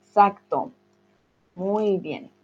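Slow, encouraging Colombian woman teacher. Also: mid-range voice, darkish tone, highs cut off. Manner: friendly, encouraging, slow and clear. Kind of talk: live online class.

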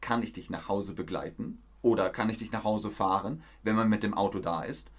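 Lower-voiced man teaching a live lesson. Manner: friendly, explains slowly with example phrases. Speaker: language teacher. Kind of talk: live-stream language lesson.

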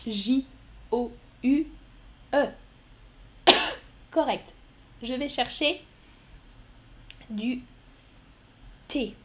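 Slow, clear-spoken woman French teacher. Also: sits high. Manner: slow, clear, spells words letter by letter; encouraging, calls out students by name. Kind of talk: live online language lesson.

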